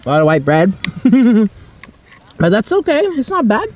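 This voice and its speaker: A man's voice: sits high, wildly swooping pitch, measured pace, a little mellow. A man vlogging casually to camera outdoors at a beachfront table, chatty and playful, thinking aloud as he reviews food. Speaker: travel vlogger.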